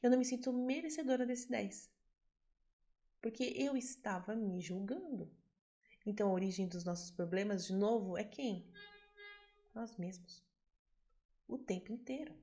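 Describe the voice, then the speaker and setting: A woman teaching a self-development class. She tells a personal story, turns emphatic and then quiet, and asks the class questions. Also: medium pitch, normal speed, long pauses. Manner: animated, emphatic, swings between loud and soft; talks straight to the class, asking them questions.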